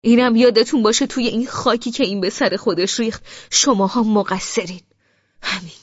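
A woman narrator voicing a furious young man who shouts scornful, sarcastic rebukes at his sister. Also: fairly high pitch, fairly even intonation, no room sound, voice pushed up, natural voice. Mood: furious scolding. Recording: dry, slightly dull studio audio.

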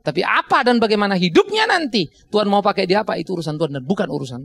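A man's voice: sits high, very animated, rapid-fire, vocal fry, a bit bright, slightly rough, dry recording. A middle-aged male pastor, preaching a sermon in a conversational way, often laughing at his own stories. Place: church.

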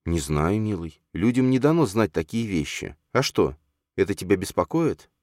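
Man reading as a soft reassuring mom, low voice, lilting, dry sound. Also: sing-song, normal speed, no echo. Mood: soothing. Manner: tender and reassuring. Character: gentle, soothing young mother.

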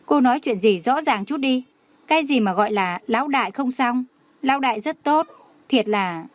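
A woman's voice: a little high, animated, moderate pace, no room sound, close to an everyday voice. A woman voicing a flustered young male company president in an audio novel, ranting in exasperation. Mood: exasperated.

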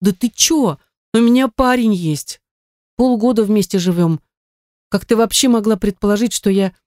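A woman's voice: mid-range voice, moderate pace, darkish tone, no echo, clean studio sound, pitched above the performer's own voice, close to an everyday voice. A woman voicing a manipulative young woman who pleads sweetly with her older sister, in an audiobook. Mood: pleading. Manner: sweet, wheedling, affectionate pleading.

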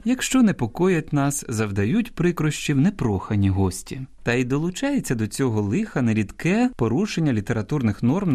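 A man with a Ukrainian accent presents a scripted radio language program. His voice is mellow and dark, and his intonation stays lively as he reads. He explains word meanings in a careful, teaching way. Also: mid-range voice. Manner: measured, didactic reading with quoted examples.

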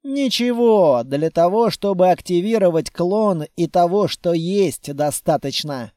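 A man's voice: sits high, expressive, measured pace, dark tone, dry recording, studio quality. A man voicing a curt, cold male squad leader in an audiobook, speaking in a clipped, brusque way.

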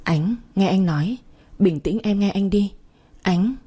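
A woman voicing a brusque young husband trying to calm his wife, in a dark breathy storybook reading. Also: medium pitch, measured pace. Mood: urgent.

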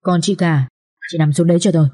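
A harsh, imperious matriarch of a rich old household barks orders and threats, as a woman reading the story puts her on. Her voice has a dark, mellow tone, yet every line lands as a command. She rules the house and answers any objection with scorn. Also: fairly low pitch, fairly even intonation, fast talker, close to an everyday voice. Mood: stern. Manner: scolding, imperious, shouting threats.

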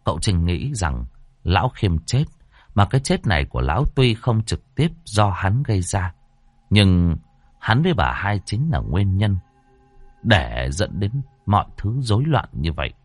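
Low-voiced, lively male horror storyteller. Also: measured pace, no echo. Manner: expressive, animated storytelling. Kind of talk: scripted horror story narration.

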